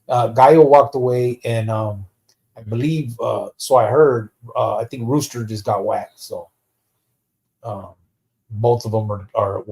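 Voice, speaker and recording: Warm and mid-range, this voice belongs to an American man hosting a live podcast stream. He's streetwise, blunt and profane in casual chat, reads viewer comments, and mixes Spanish slang into English.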